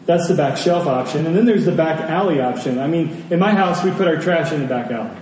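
This preacher's voice is on the high side and a little mellow, moving at a slightly fast clip. He delivers a conversational sermon, driving home key phrases by repeating them. The setting is a large reverberant hall, recorded from a distant mic with heavy echo and faint noise.

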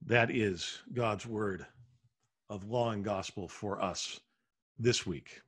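Earnest man preaching with hushed endings. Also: on the low side, slightly rough. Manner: earnest preaching with slow, drawn-out emphasis and soft hushed endings. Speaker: pastor. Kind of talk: sermon.

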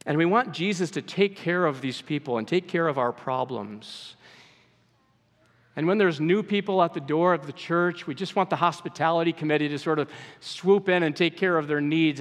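A man's voice: fairly high pitch, moderate pace. A man preaching a sermon earnestly, acting out voices from the scripture he retells. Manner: earnest, acts out quoted voices. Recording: long hall reverb.

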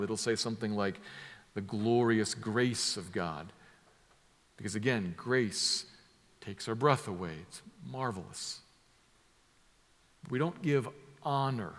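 A man preaching a sermon, drawing listeners into vivid scenes, moving from hushed asides to loud emphatic lines. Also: medium pitch, measured pace, pauses often, long reverb tail. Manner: emphatic, builds from soft to loud with vivid imagery.

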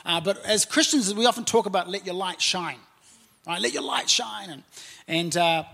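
In a church auditorium, a New Zealand man in his forties preaches a sermon in a conversational style, often filling gaps with "and, uh." His voice is high, gravelly, and expressive, with a sharp tone and a normal speaking speed.

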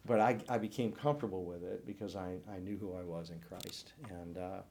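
A man's voice: sits low, steady tone, fairly quick, darkish tone, a little hiss or hum. A man in his sixties from the St. Louis area, telling his personal faith testimony to a church class in an earnest, reflective way. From St. Louis area, United States. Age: 60s.

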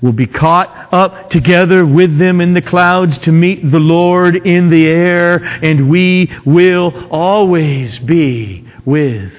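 A man preaching an expository sermon in an emphatic, dramatic manner, with rhetorical questions and swings between hushed and forceful delivery. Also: fairly high pitch, takes it slowly, few pauses. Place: large reverberant room. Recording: dull, echoey large hall.

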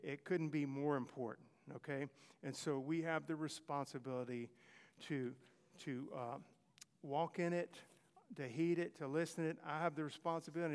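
A man's voice: fairly high pitch, clear, resonant tone. Earnest man preaching in a hall. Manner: earnest, repetitive, conversational preaching. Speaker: pastor. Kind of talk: sermon. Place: church sanctuary.

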